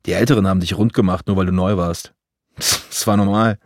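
Guy playing a grumbly old army grandpa, deep and dry, blunt as anything. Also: fairly even intonation, a little fast, no room sound. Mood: gruff. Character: gruff hardened old grandfather, army veteran.

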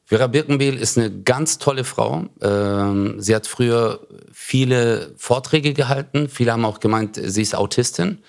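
Man, Swabian accent, comedian, casual podcast chat, animated, acts out dialogue. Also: mid-range voice, moderate pace, gravelly, few pauses. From Germany. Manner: animated storyteller who acts out dialogue in joke retellings. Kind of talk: casual conversation.

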